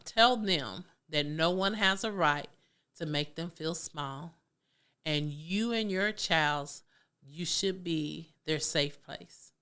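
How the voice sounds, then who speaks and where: A woman's voice: deep voice, pushed and bright, clear, resonant tone. A middle-aged woman giving emphatic, colloquial parenting advice in an earnest talk. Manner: preachy, emphatic, colloquial, acts out kids' voices.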